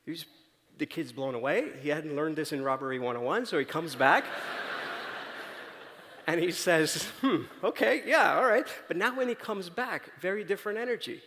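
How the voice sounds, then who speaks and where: A man's voice: on the high side, expressive, a little fast, a bit bright, slight background noise. A man giving a conversational, story-driven talk on stage, often checking in with the audience by asking "right?". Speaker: conference speaker. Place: large auditorium stage. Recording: long reverb of a large hall.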